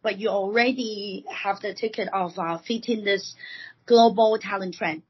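Husky woman from Taiwan, lo-fi podcast. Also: medium pitch, steady tone. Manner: measured, explanatory, with frequent fillers. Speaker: recruiting consultant guest. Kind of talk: podcast interview. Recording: dull lo-fi podcast audio.

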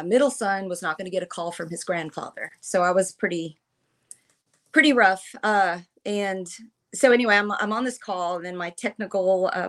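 A woman in her fifties, a military veteran guest on a podcast, telling personal stories in an earnest, emotional, halting way. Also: lowish voice. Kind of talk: personal storytelling in conversation.

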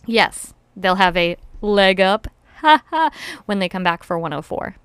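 A woman's voice: on the low side, steady tone, moderate pace, a bit bright, smooth, dry recording. A woman hosting a casual podcast who teaches rope classes, explaining step by step and laughing easily. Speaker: podcast host and rope bondage instructor.

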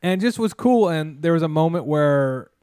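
A man's voice: a little high, lively intonation, normal speed, a little mellow, smooth, no echo. A man in his thirties or forties hosting a casual chat, rambling through stories with lots of fillers, restarts and sarcastic asides. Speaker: podcast host, mascot performer.

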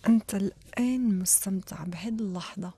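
A woman with an Algerian accent leads a guided relaxation in a soft, often whispered voice, giving short instructions with pauses between them. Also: mid-range voice, breathy edge. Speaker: guided meditation leader.

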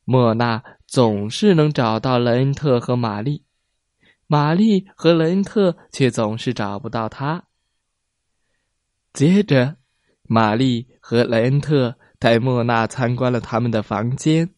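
A man narrating a children's story in a slow, expressive storytelling manner. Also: medium pitch, no room sound, clean studio sound.

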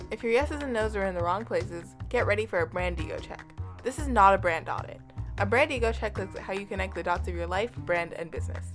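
A woman reading scripted promotional narration as an advert announcer. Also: medium pitch. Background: music.

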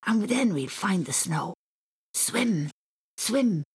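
A woman voicing an eager, imaginative young boy who whispers and shouts breathlessly. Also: medium pitch, expressive, slow, breathy edge, heavily acted. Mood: sleepy murmuring.

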